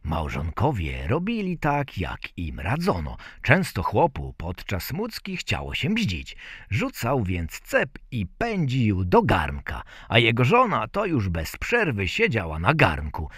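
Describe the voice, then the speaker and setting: Guy reading a folk tale, slow and super animated, dry close sound. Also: on the low side, breathy edge, dry recording. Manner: slow, lively storytelling. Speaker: narrator.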